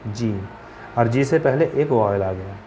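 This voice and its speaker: A man's voice: medium pitch, lively intonation, measured pace, dark tone, muffled recording, a little hiss or hum. A man teaching a grammar lesson. He asks questions and answers them himself, and he spells words out letter by letter.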